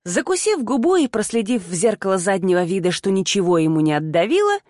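A woman reading a first-person novel aloud, steady and even, as an audiobook narrator. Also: medium pitch, fast, no echo, studio quality.

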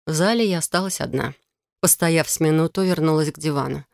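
A woman's voice: deep voice, fairly quick, vocal fry, darkish tone, no echo, clean studio sound. A woman narrating a novel in the first person, intimate and confessional. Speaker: audiobook narrator.

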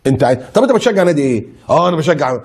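Man, Egyptian Arabic accent, preacher, husky voice, mocking, animated delivery. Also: racing. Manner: animated, mocking imagined critics, sudden swings of pitch and pace. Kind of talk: colloquial sermon.

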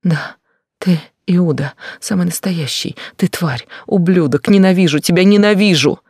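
A man's voice: fairly high pitch, a little slow, a little mellow, breathy edge, no echo, studio quality, heavily acted. A man voicing a heartbroken young woman. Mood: hurt desperate. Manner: raised, tearful, pleading voice.

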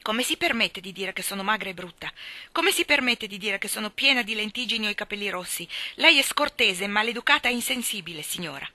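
A woman reading aloud, voicing a fierce red-haired orphan girl who shouts in indignant outbursts. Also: lowish voice, big pitch swings, fairly quick, hardly any pauses, slightly rough, dry recording, full character voice.

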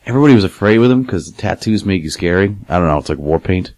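A young man casually telling rough stories, swearing a lot and acting out what people said. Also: low-pitched, fast talker, dry recording. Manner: animated, swears a lot, acts out quotes. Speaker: podcast guest telling stories. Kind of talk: casual profane storytelling.

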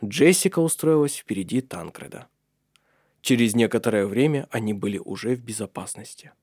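A man narrating an audiobook with expressive reading. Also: mid-range voice, moderate pace, no echo, clean studio sound.

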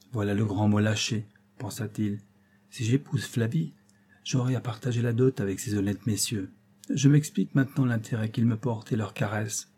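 A man's voice: medium pitch, dark tone, husky. A man narrating a novel as an audiobook reader, lifting his voice for the characters' lines.

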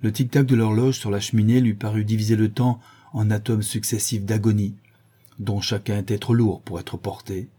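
A man narrating a classic novel in a measured, dramatic reading. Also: lowish voice, level tone, dark tone, husky. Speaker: audiobook narrator. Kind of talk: scripted narration.

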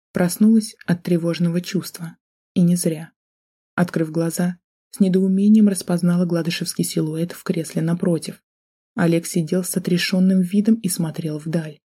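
Husky, mellow woman reading a novel. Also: lowish voice, steady tone, moderate pace. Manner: tense, emotional storytelling. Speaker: audiobook narrator. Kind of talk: first-person novel narration.

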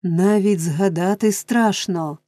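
A woman's voice: mid-range voice, takes it slowly, dark tone, no room sound, close to an everyday voice. A woman reading a storybook, voicing a fussy middle-aged matron who speaks breathlessly and theatrically. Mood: distressed.

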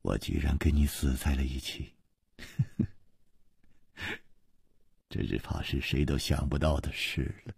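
A man voicing a desperate young princess dying in the desert, speaking softly and tearfully. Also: very deep voice, very animated, normal speed, creaky, breathy edge, no echo, pitched below the performer's own voice, full character voice. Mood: despairing.

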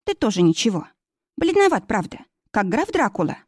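Here is a young heroine caught in a heated scene, her voice lifted high and strained with feeling, as a woman narrator puts her on. She pleads and protests in a dry, close storybook recording with no room sound. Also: sing-song, normal speed, darkish tone, slightly rough, no room sound. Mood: teasing.

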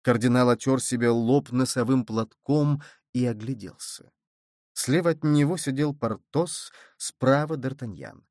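Male audiobook narrator, steady and measured, dry close sound. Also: medium pitch, no echo. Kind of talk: scripted narration.

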